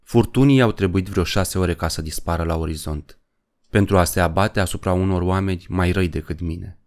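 A man narrating an audiobook in a measured, even storytelling manner. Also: low-pitched.

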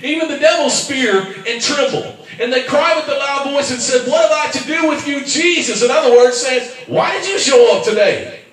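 A man preaching a fervent sermon in church, swinging from quiet asides up to shouted, rhythmic calls. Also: very high voice, normal speed, hardly any pauses, far from the mic. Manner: fervent, rising to shouts, call-and-response. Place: church sanctuary. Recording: very echoey church hall from afar.

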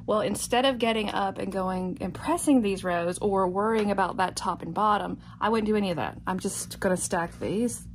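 Clear room noise sits behind a woman recording at home. She has a medium-pitched voice and narrates a hands-on lesson casually, step by step, as if thinking aloud while she works. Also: moderate pace, few pauses, poor audio. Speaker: quilting instructor. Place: indoor home sewing room.

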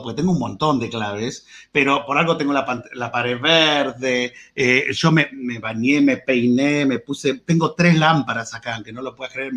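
A man giving an animated, playful online lecture to teachers over a video call from a lit room at home. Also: medium pitch. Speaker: guest lecturer. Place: home room with green wall and lights.

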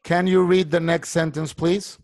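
A man's voice: fairly high pitch, little pitch movement, slow. A man teaching an online English class, explaining patiently and mixing Spanish with English.

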